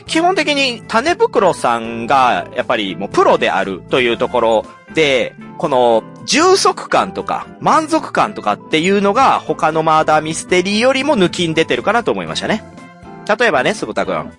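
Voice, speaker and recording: Animated man with a lively high voice. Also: moderate pace, faint music behind. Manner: enthusiastic, animated, teasing. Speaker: host. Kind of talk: casual chat reviewing a game.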